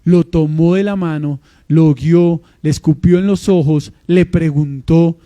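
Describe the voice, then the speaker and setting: A man's voice: a little high, fairly even intonation, unhurried, warm tone, no room sound, lo-fi sound. A man with a Colombian accent preaching an expository sermon in church, often asking the congregation questions and answering them himself. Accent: Colombian Spanish. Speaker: pastor. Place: church with babies heard in the back.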